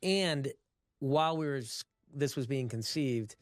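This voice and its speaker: Measured man thinking aloud. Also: medium pitch, dry recording, studio quality. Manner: measured, thinking aloud with many "you know"s. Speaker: director. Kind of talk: DVD commentary chat.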